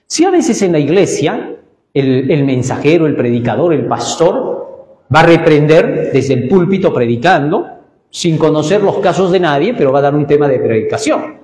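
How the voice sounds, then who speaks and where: Preacher, lively, in an echoey hall. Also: male voice, normal speed. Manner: emphatic, swings in pitch and loudness, rhetorical questions. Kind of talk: sermon. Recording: echoey church hall reverb.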